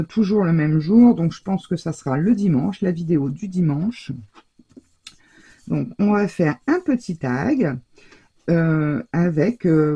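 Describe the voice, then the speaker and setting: A woman hosting a casual crafting tutorial, chatting warmly to her viewers with many fillers and self-corrections. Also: on the low side, breathy edge. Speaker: crafting channel host.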